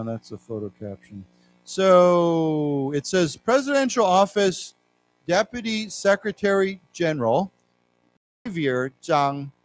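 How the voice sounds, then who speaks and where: A man teaching an English class, who reads news passages aloud slowly, then explains the words and spells them out letter by letter. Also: medium pitch, poor audio. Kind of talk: classroom lecture on news vocabulary. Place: library lecture room.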